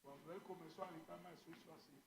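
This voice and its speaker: Fiery high-voiced preacher in a hall. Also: male voice, steady tone, fast, vocal fry, background noise. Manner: fiery preaching, shouts out quoted cries; often calls the listeners "hermano". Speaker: pastor. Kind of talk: sermon. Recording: reverberant church hall.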